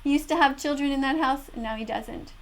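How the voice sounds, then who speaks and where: High-pitched woman, earnest emphatic commentary. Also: a little fast. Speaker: video creator, animal rights advocate. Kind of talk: spoken reaction commentary.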